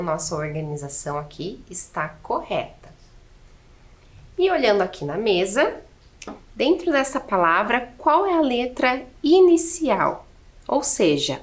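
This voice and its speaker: A woman with a Brazilian Portuguese accent teaches a children's lesson at a slow, unhurried pace. Her pitch rises and falls in a lively, animated way as she counts aloud step by step. She keeps asking gentle rhetorical questions.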